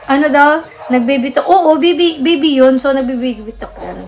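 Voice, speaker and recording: A woman's voice: sits high, moderate pace, faint music behind. A young woman hosting a casual livestream, chatting, answering viewer comments and thanking gifters. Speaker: livestream host.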